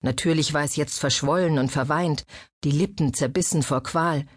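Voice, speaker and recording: A woman reading a historical novel as an audiobook in a measured storytelling manner. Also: deep voice, no echo. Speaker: audiobook narrator. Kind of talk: scripted narration.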